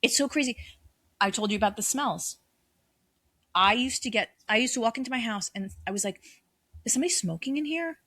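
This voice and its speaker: A woman's voice: mid-range voice, brisk, pauses often, sharp tone, dry recording. A middle-aged woman chatting as a podcast guest, telling stories animatedly, acting out her own thoughts and swearing freely. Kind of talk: casual chat.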